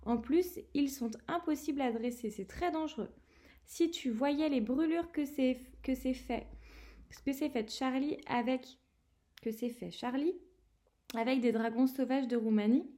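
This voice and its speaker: Woman playing a young wizard boy, talkative and emphatic, high and soft-toned, storybook read-aloud. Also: a little slow. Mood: boyish.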